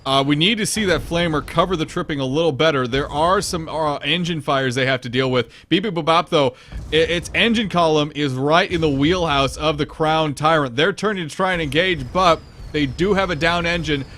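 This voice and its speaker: An esports commentator with a somewhat high male voice calls a competitive online game match at a moderate pace, breaking down tactics analytically and bursting with excitement at big plays. There's slight background noise.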